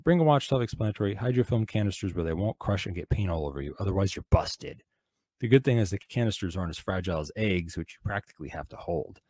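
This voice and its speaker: A man with a fairly low voice reads a crude text on air in a mocking, sardonic tone. His delivery swoops and jumps around, and he keeps stopping to comment. The sound is close and dry, with no room echo. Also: dark tone, slightly rough. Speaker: radio show host. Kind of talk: reading a prank guide aloud with commentary.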